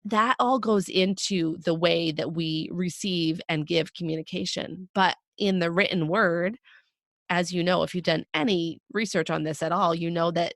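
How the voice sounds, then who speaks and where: A woman co-hosting a podcast with a scratchy, raspy voice, hoarse from a cold, explaining points in a relaxed, chatty way. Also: on the low side, no room sound, studio quality. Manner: explanatory, laid-back, with frequent fillers. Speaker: podcast co-host. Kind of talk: casual podcast discussion.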